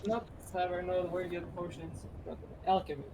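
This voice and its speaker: A man's voice: sits high, level tone, a little fast, distant mic, background noise. A man chatting casually as a player in a tabletop game. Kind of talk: casual chat.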